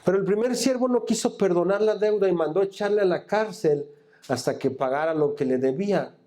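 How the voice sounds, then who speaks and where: In a church sermon, a pastor reads scripture aloud, comments on it, and asks the congregation to call back the missing words. His voice is high-pitched and mellow, and he speaks a little fast.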